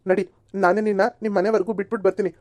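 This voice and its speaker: A woman's voice: medium pitch, level tone, rapid-fire, mellow, no room sound, close to an everyday voice. A woman doing an exasperated cartoon young man. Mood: scolding. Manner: scolding, exasperated, pleading. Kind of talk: amateur cartoon voice acting.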